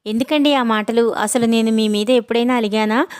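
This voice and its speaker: Woman doing a fussy middle-aged mom, kinda high pitched, storybook wife. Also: steady tone, a little fast, clear, resonant tone, dry recording, studio quality, close to an everyday voice. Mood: pouting. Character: middle-aged housewife, fond, easily flustered mother.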